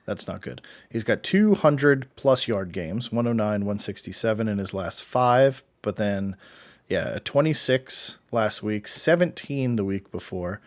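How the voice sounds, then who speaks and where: A man's voice: fairly low pitch, lively intonation, a little slow. Casual fantasy football co-host man. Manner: rambling, many fillers and restarts. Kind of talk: casual sports chat answering viewer questions.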